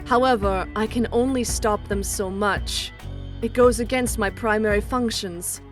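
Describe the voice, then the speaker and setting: A woman playing a sly, detached programmed messenger with a measured, matter-of-fact manner in a comic dub. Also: medium pitch, natural voice. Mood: cool, defensive. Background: music.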